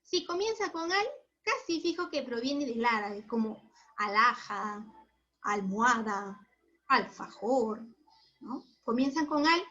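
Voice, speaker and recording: A chatty woman teacher with a high voice explains her lesson, asking questions and answering them herself. The recording sounds dull and lo-fi. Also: animated, slow pace, sharp tone. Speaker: school teacher.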